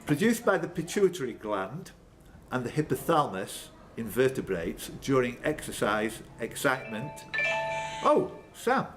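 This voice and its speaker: A man acts as quiz master at a live pub quiz, reading out questions and throwing in jokey, bantering asides. His mid-range voice is sing-song and unhurried, heard over music with background room noise.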